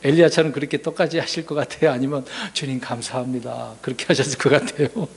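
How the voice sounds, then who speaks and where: This pastor's husky, higher voice stays steady in tone as he races through a sermon, questioning the congregation and shifting from loud emphasis to hushed asides.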